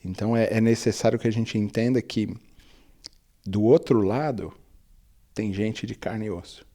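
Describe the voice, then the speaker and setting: Man, Brazilian Portuguese accent, pastor, low voice, dark mellow tone, reflective, listing point after point. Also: moderate pace. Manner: reflective, builds points through long lists. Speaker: pastor and guest.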